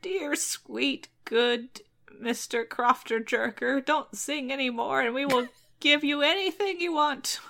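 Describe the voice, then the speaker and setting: A woman's voice: high-pitched, slow pace, gravelly, a bit bright, pitched above the performer's own voice, exaggerated voice. A woman voicing a scheming old hag from a folktale, shrieking accusations and then pleading sweetly. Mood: wheedling.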